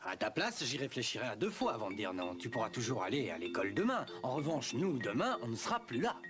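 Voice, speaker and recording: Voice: medium pitch, big pitch swings, fast talker, music in the background, natural voice. A performer voicing a wily puppet-show barker with coaxing, persuasive showman's patter in a children's audio story. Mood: sly.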